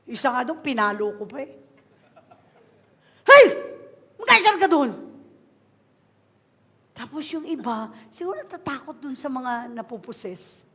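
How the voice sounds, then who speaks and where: Filipino woman preacher, high voice, shouts commands then drops to asides, long hall reverb. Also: expressive, a little fast, hardly any pauses, husky. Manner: switches between quiet asides and loud shouted commands. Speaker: pastor. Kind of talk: animated Taglish sermon. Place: large church hall.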